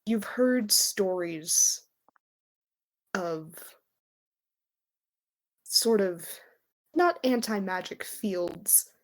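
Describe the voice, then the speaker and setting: Acting as game master for a tabletop roleplaying game, a woman with a mid-range voice improvises her descriptions. She narrates in a measured, conversational way, leaving pauses as she goes.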